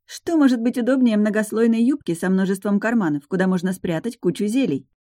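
A woman's voice: mid-range voice, brisk, warm tone, dry recording, clean studio sound, pitched above the performer's own voice, lightly acted. A woman voicing a fussy, traditional young witch student who speaks emphatically. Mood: emphatic. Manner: indignant, emphatic. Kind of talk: audiobook narration.

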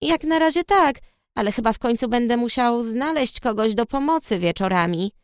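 An easygoing young barman in a storybook reading, voiced by a woman who keeps close to her own voice. He sounds playful and relaxed, and teases a little. The sound is dry and close. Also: a little high, normal speed, no echo, pitched above the performer's own voice, natural voice. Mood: friendly. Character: friendly young male barman.

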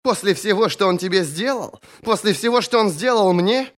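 A fierce young warrior woman with a blunt, mocking tongue, voiced by a male audiobook reader. Her voice sits a little higher than his own and swings with lively pitch. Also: moderate pace. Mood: scornful. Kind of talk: audiobook character voice.

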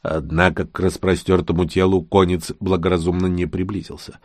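A man narrating a fantasy audiobook with an expressive, dramatic reading. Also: deep voice, a little fast, dry recording, clean studio sound.

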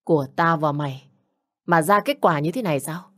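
A woman's voice: sits low, normal speed. Woman voicing a furious, bullying young husband. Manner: shouting insults, coarse and bullying. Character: angry jealous young husband, harsh and accusing.

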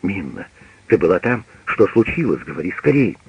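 A man's voice: deep voice, big pitch swings, moderate pace, husky, heavily acted. A man voicing a troubled young man who speaks with remorse and desperate urgency, on a dull radio recording. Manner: pleading, anguished.

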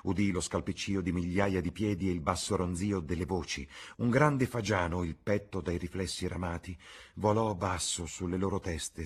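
A middle-aged man reading a novel aloud in a measured, expressive way. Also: low voice, husky. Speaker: audiobook reader. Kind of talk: scripted literary narration.

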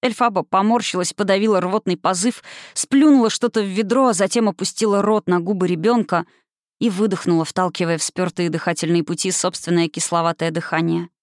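An audiobook narrator reading a fantasy novel in a steady, even storytelling voice, close to the mic. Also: mid-range voice, fairly quick, no echo.

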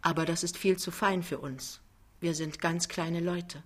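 A woman voicing a shy, gentle young wife who speaks softly and hesitantly in an audiobook reading. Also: fairly low pitch, fairly even intonation, a little slow. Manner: soft, hesitant.

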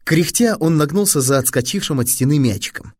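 Lively male audiobook narrator. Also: a little high, brisk, husky, no room sound, clean studio sound.

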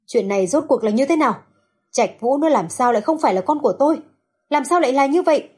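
A woman's voice: sits high, fairly quick, lightly acted. A woman voicing a shaken middle-aged husband who demands answers in a trembling voice. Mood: stunned, trembling. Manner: trembling, then shouting.

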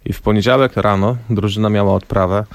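A former press officer for a national football team tells stories during a radio studio interview, his lowish voice moving quickly. He's a lively anecdotal storyteller who acts out the lines he quotes. The studio microphone captures him cleanly, with no room sound.

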